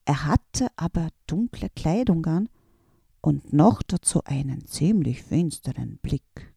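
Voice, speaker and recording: Woman storyteller, children's storybook, slow, gravelly, dry close sound. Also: low voice, sing-song, dark tone, no echo.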